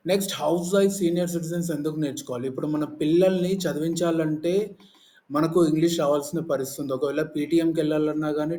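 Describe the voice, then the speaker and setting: A man's voice: a little high, dark tone. A man teaching in a casual lesson, explaining with lists and everyday examples. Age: adult. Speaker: English teacher.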